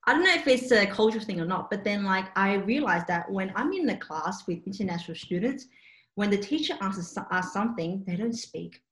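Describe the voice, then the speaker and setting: A young woman from Australia, who grew up with Cantonese and is an interpreting student, speaks briskly at medium pitch in a casual chat. Her storytelling is animated and full of fillers, recorded with a roomy echo.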